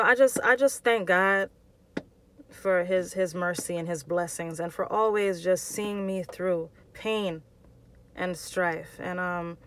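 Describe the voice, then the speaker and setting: A woman vlogger telling a personal story to her viewers in a casual, expressive and slangy way. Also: fairly low pitch.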